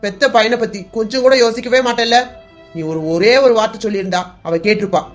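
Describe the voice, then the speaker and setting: A woman's voice: on the high side, fast, faint music behind, close to an everyday voice. A woman voicing a hot-tempered young man in a cartoon serial, who speaks in a bitter, accusing way while grieving his father.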